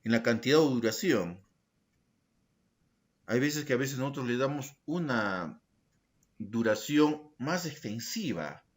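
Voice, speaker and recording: A male teacher gives an online class over a computer microphone, talking slowly and deliberately. His pitch sits in an ordinary middle range, and he keeps asking his students short check-in questions. At times he spells out letter sounds loudly, one after another. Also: lively intonation. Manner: slow, deliberate explaining, tag questions to students. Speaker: secondary school language teacher.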